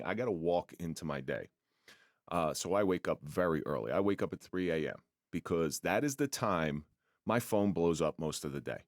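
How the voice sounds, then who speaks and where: A middle-aged man with a very low voice hosts a podcast, rambling easily and repeating words as he gathers his thoughts. The sound is dry and close. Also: no room sound. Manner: talkative, repeats words when starting a thought. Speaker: podcast host. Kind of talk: casual interview chat.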